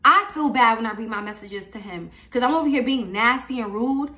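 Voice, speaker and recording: A woman's voice: a little high, brisk, bright, forceful tone. A woman sharing her own story and giving faith-based advice in an emphatic, preachy way, repeating her phrases. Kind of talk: personal testimony and faith advice.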